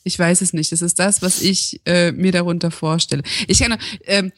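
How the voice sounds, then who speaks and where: A woman's voice: lowish voice, fairly even intonation, moderate pace, dry recording. Dry-humored German woman co-host. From Saarland, Germany. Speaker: podcast co-host. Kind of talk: casual chat.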